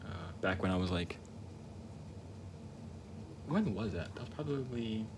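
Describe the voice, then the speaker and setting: Speaking at a measured pace, a young livestreaming painter with a very deep voice and a stutter talks casually as he works. His reflective rambling loops back on itself with repeated words and restarts, and steady background noise is audible throughout.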